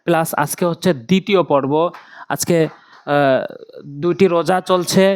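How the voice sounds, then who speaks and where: A man's voice: on the high side, a little slow. Man drilling Arabic letter sounds. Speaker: Quran recitation teacher. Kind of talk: Quran pronunciation lesson.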